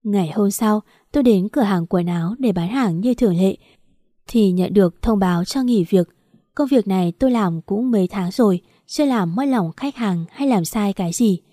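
A woman's voice: mid-range voice, normal speed, warm tone, no echo, clean studio sound. A woman narrating a first-person story, telling it plainly and lifting her voice a little for the quarrels.

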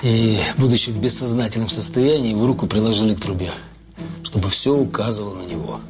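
A man's voice: fairly low pitch, steady tone, fast talker, lightly acted. An actor playing a composed, probing and sardonic male Soviet police investigator in a screen crime drama. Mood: matter-of-fact.

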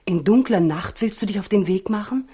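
Soft, husky young mother Mary. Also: medium pitch, expressive, fairly quick. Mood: anxious, reluctant. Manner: plaintive, questioning, earnest. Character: young mother Mary, trusting, questioning, quietly proud. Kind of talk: 1960s German radio drama acting.

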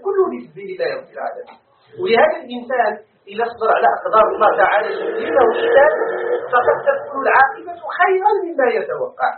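A Moroccan man teaching a Quran commentary class with a fast, high and animated voice. He explains each step and keeps asking his students whether it is clear. The recording is thin and phone-like, captured from a distance in an echoing room. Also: background noise. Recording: echoey lo-fi phone-like lecture recording from far off.

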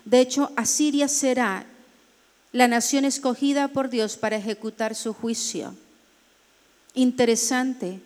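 A woman pastor teaches a Bible class, her fairly high voice measured and emphatic. She slows down to spell out names and stresses key points. A long reverb trails behind her, as in a large hall. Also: a little mellow.

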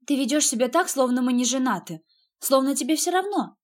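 Woman doing upset young wife, high and loud, emphatic, near tears. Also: lively intonation, brisk. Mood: hurt.

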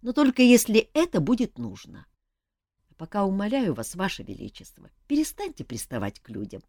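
A woman reading an audiobook, voicing a lively, cheeky young male court jester who teases and pleads. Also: mid-range voice, fairly quick, dry recording, studio quality, voice pushed up. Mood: pleading. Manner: animated, teasing, pleading.

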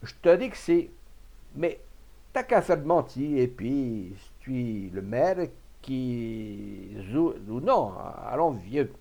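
A man voicing a gruff, bullying older peasant farmer and mayor who talks in rustic country speech and barks orders. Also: mid-range voice, lively intonation, extremely slow, few pauses, mellow, full character voice. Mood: insistent.

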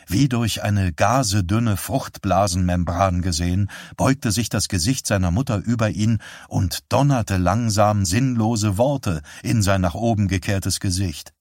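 A man reading an audiobook as narrator, in a measured, solemn way. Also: on the low side, a little mellow, no echo, studio quality.

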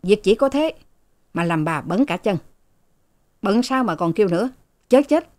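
Lady doing a bossy rich madam, sharp and scolding, looks down on everyone. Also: mid-range voice, animated, normal speed, lightly acted. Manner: scolding, haughty. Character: bossy, harsh rich mistress, middle-aged woman.

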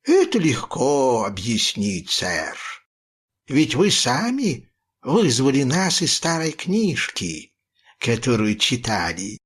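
A raspy pirate with a fawning, menacing politeness. A man puts him on in a storybook reading, dropping his voice lower and slower. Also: wildly swooping pitch, exaggerated voice. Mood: oily. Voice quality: hoarse. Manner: oily, mock-polite.

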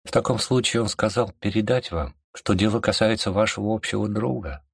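A man reading an audiobook and voicing a timid young maid who speaks quietly and formally. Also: lowish voice, brisk, gravelly, slightly rough, no echo, studio quality, voice pushed up.

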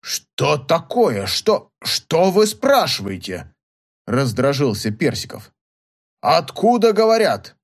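A man's voice: a little high, big pitch swings, a little slow, breathy edge, full character voice. A haughty old professor who snaps and scoffs, irritable and scornful toward anyone who bothers him, as a male narrator does his voice. His speech rises and drops sharply from line to line, as in a storybook read aloud.

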